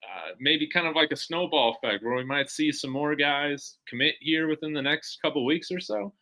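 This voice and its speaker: A man's voice: a little high, normal speed, bright, forceful tone, poor audio. A man hosting a casual sports talk show, eagerly asking his guest questions. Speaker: show host.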